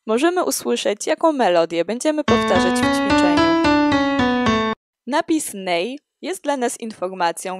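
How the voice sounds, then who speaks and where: A woman reading a scripted walkthrough of an app in a steady, explanatory way. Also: medium pitch. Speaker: student presenting an app.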